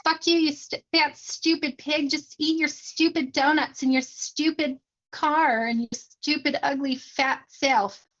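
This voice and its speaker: Woman doing a shrill jeering cop-hater. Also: steady tone, measured pace, a bit bright, lo-fi sound. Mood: mocking. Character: foul-mouthed rude person insulting a cop.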